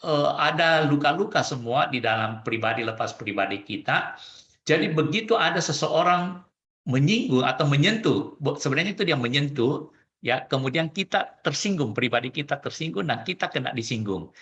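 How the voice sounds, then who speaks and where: A man coaching over a video call, animated and acting out quoted lines. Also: a little high, reverberant.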